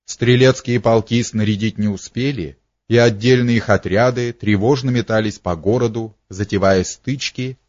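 A man's voice: lowish voice, steady tone, moderate pace, few pauses, darkish tone, dry recording, lo-fi sound. A man narrating a historical novel as an audiobook, telling it steadily with a slight dramatic lift.

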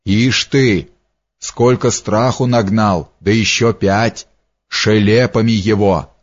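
Audiobook: a man doing a grumbling superstitious servant, low and unhurried, blunt and fearful. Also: fairly even intonation. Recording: dull lo-fi recording.

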